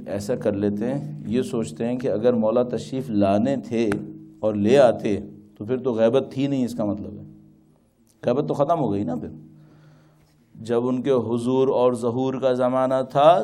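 A man's voice: mid-range voice, dark tone. A man giving a religious talk as a cleric, telling anecdotes with rhetorical questions and acted-out dialogue. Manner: storytelling, rhetorical questions, acts out quoted dialogue.

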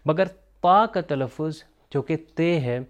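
A man teaching Quran pronunciation in a recorded lesson, explaining each letter in a clear, steady way and slowly chanting the example words. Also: a little high. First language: Urdu. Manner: explanatory, mixes in English terms, slow chanted recitation of examples.

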